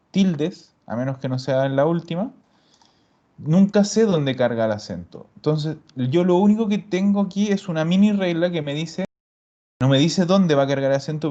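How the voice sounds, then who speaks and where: A man's voice: a little high, mellow. A man teaching a grammar class, explaining step by step and patiently repeating his students' answers. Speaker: Italian teacher. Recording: dull lo-fi recording.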